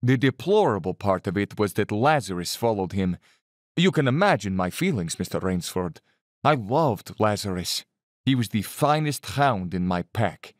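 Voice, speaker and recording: An urbane Cossack general in an audio drama. His delivery is animated and courtly, with cold condescension under the polish. The sound is close and dry. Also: on the low side, moderate pace, dry recording. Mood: mock regretful.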